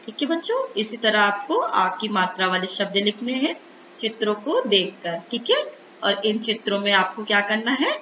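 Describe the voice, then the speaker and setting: Female teacher for a primary school Hindi lesson, bright, lively sing-song delivery, echoey room, dull lo-fi sound with faint hiss. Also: medium pitch. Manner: slow, sing-song sounding out of letters to children.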